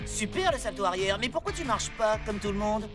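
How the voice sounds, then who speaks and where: A woman voicing a cheeky, brave young boy hero in a cartoon, lively and boyish. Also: mid-range voice, a little fast, over loud music, natural voice. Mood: defiant. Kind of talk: cartoon dubbing.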